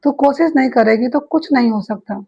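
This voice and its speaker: A woman's voice: fairly high pitch, a little fast, gravelly, darkish tone, husky, muffled recording. A woman voicing a bold, teasing young woman who coaxes her friend in a read-aloud story. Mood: coaxing. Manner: teasing, coaxing.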